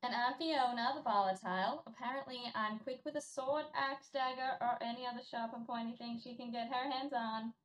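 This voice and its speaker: Breezy woman player, slightly high voice. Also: brisk, hardly any pauses, rough recording.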